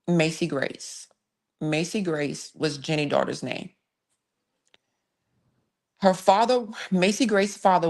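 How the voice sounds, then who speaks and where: Low-voiced woman hosting a true crime stream. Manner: blunt, emphatic, conversational with sighs and restarts; reads viewer comments and thanks viewers while talking. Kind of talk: casual live-stream case commentary.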